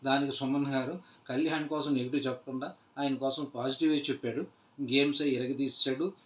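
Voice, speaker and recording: A man's voice: mid-range voice, steady tone, brisk. A man casually recapping a reality show episode, retelling scenes loosely with many "aa" fillers and restarts. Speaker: TV show reviewer. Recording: echoey room.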